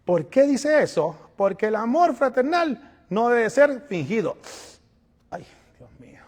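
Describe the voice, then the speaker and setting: Husky high-voiced preacher in a reverberant church. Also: male voice, measured pace. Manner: animated preaching, acts out little scenes, swings from soft asides to loud calls. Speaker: pastor. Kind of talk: sermon. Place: church sanctuary.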